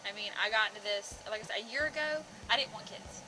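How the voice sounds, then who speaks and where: Sitting with others in an indoor room a few feet from the camera, a twentysomething parenting vlog host delivers an opinionated rant. Her mid-range voice is fast, there's background noise, and she's blunt and emphatic with frequent swearing.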